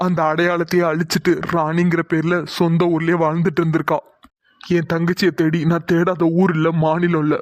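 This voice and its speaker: A man's voice: a little high, little pitch movement, a little fast, no echo, studio quality, close to an everyday voice. A man voicing an emotional older chairman in a cartoon, begging his lost sister's forgiveness. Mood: earnest. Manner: emotional, imploring. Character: tearful older chairman, long-lost woman's brother. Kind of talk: cartoon voice acting.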